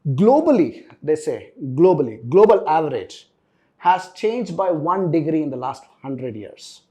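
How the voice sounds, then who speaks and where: A man's voice: fairly high pitch, very animated, measured pace, warm tone. A middle-aged man with a South Indian accent explains things conversationally as an interview guest, repeating words for emphasis and often checking in with "right?". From Bangalore region, India. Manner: emphatic repetition, tags statements with "right?". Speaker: interview guest, startup founder.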